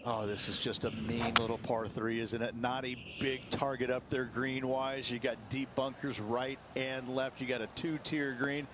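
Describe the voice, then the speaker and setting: A man's voice: mid-range voice, flat delivery, normal speed, few pauses, lightly acted. A man giving golf broadcast commentary as a course analyst, conversational and emphatic. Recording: clear background ambience noise.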